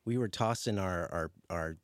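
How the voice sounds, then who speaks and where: A male radio co-host in easy chat, often stumbling and restarting as he reaches for a memory. His voice sits on the low side. The recording is dry and close. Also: smooth, dry recording. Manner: halting, searching for words.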